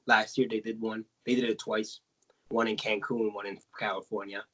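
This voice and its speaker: A man's voice: lowish voice, little pitch movement, moderate pace, sharp tone, slightly rough, low-quality recording. A man from the United States co-hosting a casual podcast, explaining at length with many fillers and self-corrections. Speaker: podcast co-host.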